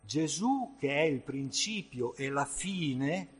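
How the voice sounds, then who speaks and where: A man preaching a sermon in a slow, emphatic way, with sudden surges in loudness and a husky voice. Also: on the high side, expressive. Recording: long hall reverb.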